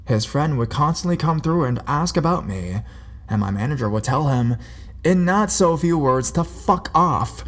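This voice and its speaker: A man reading a horror story aloud in a measured, ominous storytelling voice. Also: medium pitch, lively intonation. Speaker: narrator. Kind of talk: scripted horror story narration. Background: faint music.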